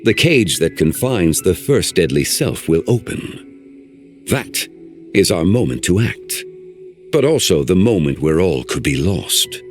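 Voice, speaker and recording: In a low voice, a man plays an ancient male guardian in a video game. He speaks formally and measuredly, in an old-fashioned style.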